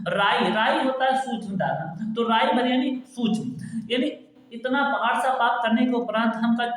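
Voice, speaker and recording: A man with a high voice teaches a classic poem line by line. He patiently glosses each word and repeats phrases to make them clear, in a strongly echoing room. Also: normal speed, fairly bright tone. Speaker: Hindi literature teacher. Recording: very echoey room.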